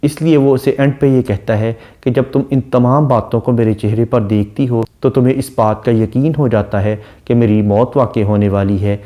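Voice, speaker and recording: Man lecturing slowly on a poem. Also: medium pitch, dark tone. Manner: slow, careful explanation, repeating key words and rhymes. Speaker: literature lecturer. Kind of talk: explanatory lecture.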